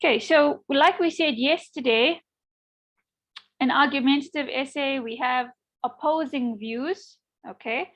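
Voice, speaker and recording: A woman's voice: high-pitched, a little slow, a bit bright, poor audio. A woman lecturer giving an online class, encouraging students and often checking in with "okay?".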